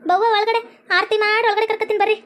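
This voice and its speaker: A woman voicing a gruff, scheming older mother-in-law, scolding in a low voice. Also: flat delivery, fast talker, fairly bright tone. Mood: coaxing.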